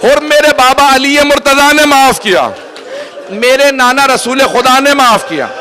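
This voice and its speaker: A man voicing a gentle, forgiving noble leader, speaking slowly, softly and solemnly. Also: very high-pitched, noisy background, voice pushed up.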